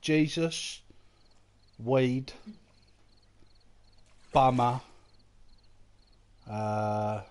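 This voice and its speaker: A man's voice: mid-range voice, very slow, pauses often, a little mellow, clear, resonant tone. Giggly man streaming a game. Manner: giggly, keeps laughing at his own jokes; chats with viewers, reading their comments aloud. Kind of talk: casual live-stream chat.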